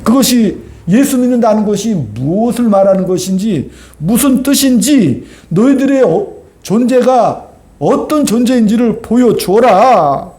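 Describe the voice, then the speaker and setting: A man's voice: high-pitched, expressive, measured pace, dark tone. A pastor preaching a sermon to his congregation, emphatic and checking in with them through rhetorical questions.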